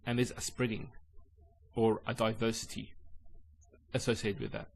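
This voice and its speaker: A man teaching an Arabic linguistics lesson in English, explaining calmly with measured pauses. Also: lowish voice, creaky.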